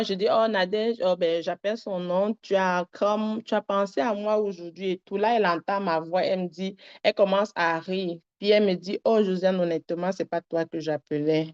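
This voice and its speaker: A woman's voice: fairly low pitch, darkish tone, smooth. A young woman sharing a personal faith testimony, rambling and earnest with many fillers. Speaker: testimony giver. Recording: dull lo-fi sound.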